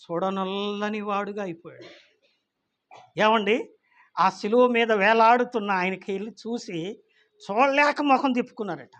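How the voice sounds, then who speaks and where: Male pastor, sermon, high-pitched, storytelling, muffled lo-fi sound. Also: fairly bright tone. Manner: emphatic storytelling preacher, questions the congregation; chants lines of a hymn slowly. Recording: dull lo-fi sermon recording.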